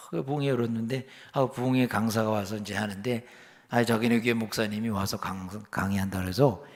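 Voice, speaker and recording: A man's voice: lowish voice, creaky. A man preaching a humorous sermon in a church, telling stories and acting out the dialogue. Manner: animated storytelling, acting out dialogue. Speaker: guest preacher. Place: church sanctuary. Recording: reverberant church hall.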